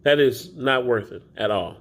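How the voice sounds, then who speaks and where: A man's voice: medium pitch, animated, normal speed. A man talking casually to camera in a loose, chatty, rambling way with many fillers, recorded as a phone video. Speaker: grocery delivery shopper vlogger. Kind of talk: casual vlog talk to camera.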